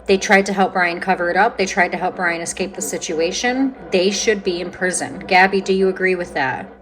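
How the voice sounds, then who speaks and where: A woman's voice: on the low side, fairly quick, soft background music, rough recording. Woman hosting a paranormal session, casual. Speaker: host of a paranormal spirit box session. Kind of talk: casual commentary and questioning aloud.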